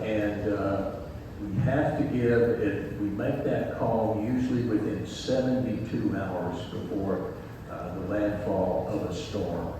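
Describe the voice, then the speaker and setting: A man delivering an earnest, measured public safety address as an official, with hesitant phrasing, in an echoing hall. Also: on the low side. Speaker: mayor, guest speaker. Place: large echoing indoor meeting space. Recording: echoey hall, distant mic, clear background noise.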